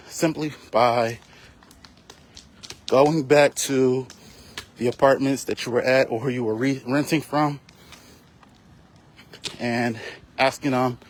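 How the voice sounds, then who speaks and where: A realtor giving casual, rambling tips on a live stream while walking outdoors, out of breath and full of fillers. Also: male voice, mid-range voice.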